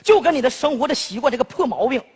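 A man's voice: very high-pitched, big pitch swings, quick pace, darkish tone, breathy edge, big-room sound, full character voice. An actor playing a well-off city man who placates his pushy cousin, exasperated and often laughing, in a Northeast Chinese accent. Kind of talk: comedy sketch dialogue.

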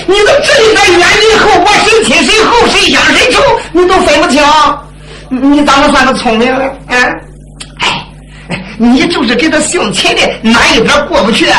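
A man voicing a shrewd, jovial old duke who scolds a prince in a drum-ballad story, teasing him with laughs and shouts. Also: very high-pitched. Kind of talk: drum-ballad storytelling with spoken role-play. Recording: roomy, loud instrumental accompaniment.

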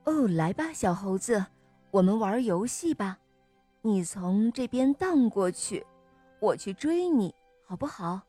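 A woman voicing a grown male monkey, a patient parent, speaking softly and soothingly in a children's story. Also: mid-range voice, big pitch swings, measured pace, no room sound, soft background music. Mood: gentle. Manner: soft, soothing, reassuring.

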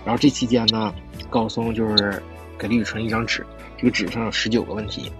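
Fast-talking man chatting over music. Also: lowish voice, little pitch movement. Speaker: podcast co-host. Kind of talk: casual chat and anecdote telling.

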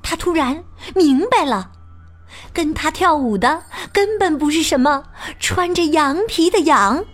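A woman teacher reading a children's picture book aloud, expressive and sing-song with plenty of exclamations. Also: sits high, measured pace. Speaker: storyteller teacher.

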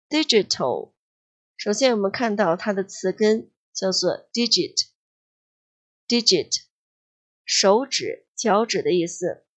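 A woman teaching an English exam lesson, explaining slowly and patiently and repeating key words. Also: medium pitch, breathy edge. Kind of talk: exam-prep grammar and vocabulary lesson.

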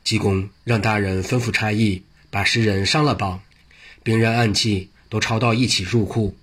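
Husky-voiced male storyteller. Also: lowish voice, fairly even intonation, fairly bright tone. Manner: classical, measured delivery with asides to listeners. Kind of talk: traditional storytelling narration.

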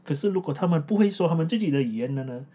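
A woman's voice: low-pitched, expressive, racing, dark tone, slightly rough. A woman from Malaysia with a Malaysian accent, chatting casually as a podcast co-host in non-standard Mandarin, like a foreigner searching for words and repeating herself. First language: English-schooled Malaysian Chinese, non-standard Mandarin. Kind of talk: casual unscripted podcast chat.

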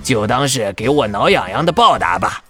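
A man's voice: medium pitch, sing-song, normal speed, a bit bright, soft background music. A man voicing a big, blunt, grumbling but good-hearted shark in a children's audio story. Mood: sheepish, obliging.

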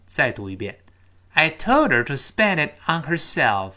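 A man who is a native Chinese speaker, teaching English pronunciation, explaining sounds in detail and slowing way down on model sentences for students to repeat. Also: fairly high pitch, sing-song, bright, forceful tone. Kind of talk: spoken English lesson with repeat-after-me drills.

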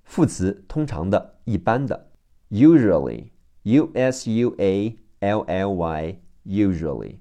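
A man with a background teaches English phonics in a very slow, deliberate way. His voice sits a little low, and he spells words out letter by letter before repeating each one carefully. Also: expressive, mellow. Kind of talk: phonics vocabulary lesson.

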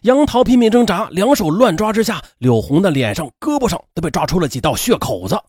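A man narrating a true-crime story dramatically, in a colloquial manner with drawn-out particles. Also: breathy edge, dry recording, clean studio sound. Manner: animated, acts out women's lines in a high strained voice.

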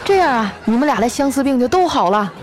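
A woman's voice: high voice, sing-song, fast, a faint crowd, voice pushed up. A woman putting on a hearty, joking brother-in-law who is firmly under his wife's thumb. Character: hen-pecked, teasing brother-in-law.

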